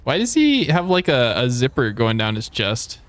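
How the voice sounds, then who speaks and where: A man giving casual live game commentary as a streamer, with playful, slangy, expressive reactions. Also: medium pitch, normal speed.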